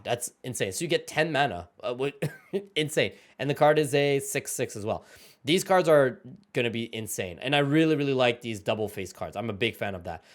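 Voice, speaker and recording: A card game channel host reacts with casual excitement while scrolling an article, reading card text aloud in a mid-range voice. His voice grows hoarse and he keeps clearing his throat.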